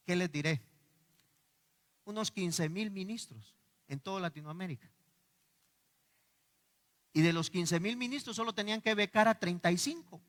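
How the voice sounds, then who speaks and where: A middle-aged man with a Guatemalan accent, a pastor preaching a sermon full of personal stories and acted-out dialogue. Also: high-pitched. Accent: Guatemalan Spanish. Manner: animated storyteller acting out dialogue, laughing. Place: church hall. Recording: echoey church hall.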